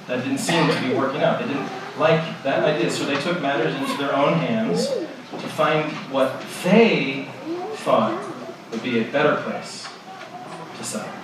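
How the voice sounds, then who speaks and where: A man's voice: medium pitch, sing-song, a little slow. A man preaching a sermon in a conversational way, posing rhetorical questions to his listeners. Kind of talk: expository sermon. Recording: echoey hall, distant mic, background noise.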